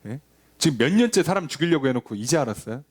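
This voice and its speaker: A male pastor delivering a sermon, urging and questioning the congregation, now and then dropping to a low aside or acting out a quoted line. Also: quick pace, breathy edge. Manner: animated preaching, drops to a low murmur for emphasis, acts out quoted lines.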